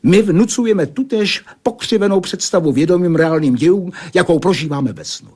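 A man's voice: high-pitched, expressive, darkish tone, slightly rough. An actor in a radio play voicing an older male physicist who pleads with a woman and lectures at length, sometimes sinking to a whisper. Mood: lecturing. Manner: pleading then philosophizing, drops to whispers. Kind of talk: Czech radio play acting.

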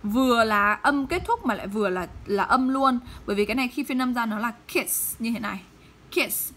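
A woman teaching English pronunciation in Vietnamese, modeling English words slowly and checking often with her students. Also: on the high side, animated, fairly bright tone. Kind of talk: pronunciation lesson.

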